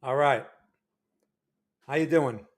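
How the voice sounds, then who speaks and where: Talking slowly at medium pitch into a desk mic, this livestream host keeps his market analysis casual. He greets viewers, reads names from the chat and often restarts his sentences.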